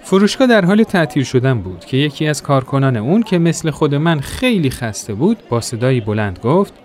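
A man reading a first-person story aloud in a gentle, reflective way. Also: mid-range voice, big pitch swings. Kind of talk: scripted narration of a story. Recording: soft music behind the voice.

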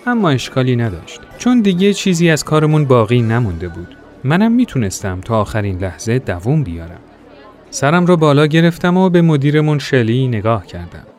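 A man reading a first-person story aloud in a gentle, reflective way. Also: on the high side. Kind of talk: scripted narration of a story. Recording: soft music behind the voice.

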